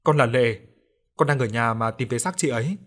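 A man voicing a young girl who can see ghosts, speaking calmly and plainly. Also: mid-range voice, fairly quick, close to an everyday voice.

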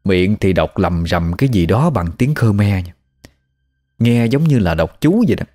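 A man's voice: fairly low pitch, dark tone. A man with a Southern Vietnamese accent narrating a ghost story in a conversational, folksy way. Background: faint music.

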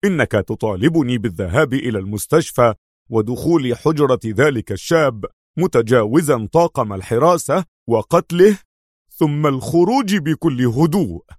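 A jittery crooked police inspector, as a narrator puts him on, higher and tenser than the storyteller's own voice. He pleads and frets in a dry, close recording. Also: lively intonation, normal speed, darkish tone, no echo, close to an everyday voice. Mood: agitated. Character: nervous greedy male corrupt police inspector.

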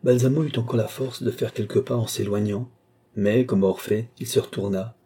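A man narrating a classic novel as an audiobook, in measured, expressive storytelling. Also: on the low side, breathy edge. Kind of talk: scripted literary narration.

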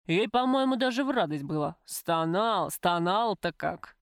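A woman's voice: fairly low pitch, expressive, a little slow, clean tone, dry recording, clean studio sound. A woman voicing a coarse, possessive middle-aged male crime boss in an audiobook, crude and wheedling, then threatening. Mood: boastful. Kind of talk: audiobook character voice.

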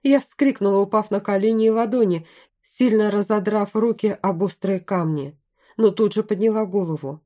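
A woman reading a fantasy novel aloud in first person, with steady storytelling. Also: medium pitch, normal speed. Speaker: audiobook narrator. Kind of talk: first-person audiobook narration.

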